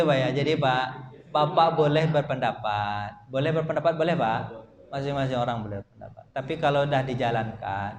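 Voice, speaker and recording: A man preaching at a mosque study session, telling stories lively and joking with his listeners. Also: mid-range voice. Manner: lively storytelling, jokes with listeners. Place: mosque hall. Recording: echoey mosque room, faint ambience.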